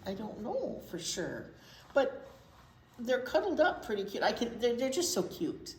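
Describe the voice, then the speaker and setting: A librarian hosting children's storytime reads a picture book aloud to young kids in a fairly high voice with big pitch swings and a measured pace. She adds simple explanations and chatty asides, recorded in an echoey room with faint background noise.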